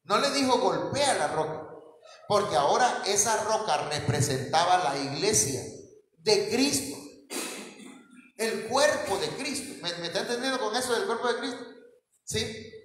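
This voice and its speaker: A male pastor preaching in a high voice, telling the story and checking that his listeners follow. His voice rings through a large, very reverberant church hall with a long echo. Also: lively intonation, normal speed, fairly bright tone. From Mexico. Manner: storytelling, asks the congregation questions, chuckles at his own slips. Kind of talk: sermon.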